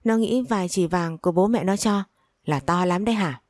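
A woman's voice: fairly low pitch, moderate pace, a little mellow, no echo, studio quality, lightly acted. A woman reading the lines of a greedy, spiteful older mother-in-law who scolds and curses. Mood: furious. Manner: scolding, cursing, sneering.

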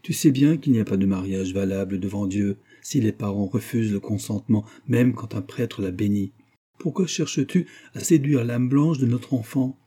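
Devout old nurse, solemn scolder, husky and dark, man reading her. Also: fairly low pitch, normal speed. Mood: stern reproach. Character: old devout peasant nurse woman, stern. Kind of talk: audiobook reading.

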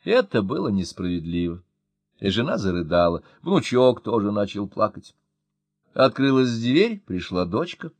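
A man narrating an audiobook with expressive storytelling. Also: on the low side, moderate pace, no room sound.

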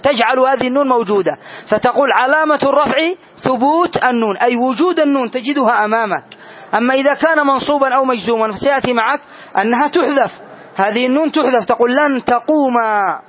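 High-pitched guy teaching grammar to students, slow patient explaining, kinda muffled old classroom tape.

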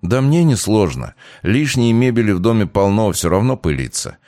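A man voicing a calm, matter-of-fact male official. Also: lowish voice, normal speed, no echo, clean studio sound.

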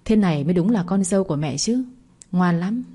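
A woman's voice: fairly low pitch, expressive, brisk, mellow, slightly rough. A woman voicing a fussy, reproachful middle-aged mother-in-law in an audio story. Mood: pleased. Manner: wailing, reproachful.

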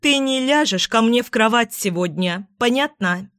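A woman's voice: on the high side, lively intonation, normal speed, dry recording, clean studio sound. A woman voicing an angry, exasperated woman in an audiobook. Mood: fed up. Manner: sharp, exasperated. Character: angry, fed-up adult woman. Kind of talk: audiobook character voice.

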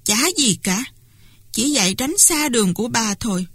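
A woman's voice: fairly high pitch, expressive, normal speed, a bit bright, breathy edge, no echo, studio quality, full character voice. Woman putting on a cursing little boy's voice. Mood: defiant. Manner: rude, cursing, blunt. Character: foul-mouthed small boy, sullen and defiant.

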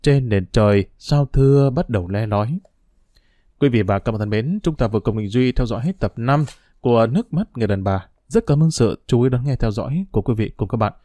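Calm man narrating a story. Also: medium pitch, no room sound. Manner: calm, measured, gentle sign-off. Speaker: audiobook narrator.

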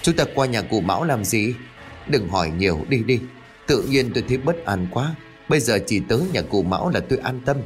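A man's voice: mid-range voice, animated, fairly quick, faint music behind, close to an everyday voice. A man voicing an anxious middle-aged village head who speaks urgently. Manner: urgent, pressing.

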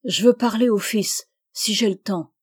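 A woman's voice: mid-range voice, measured pace, slightly rough. A woman voicing a middle-aged country landowner, hearty and firm in his commands, in a read-aloud story.

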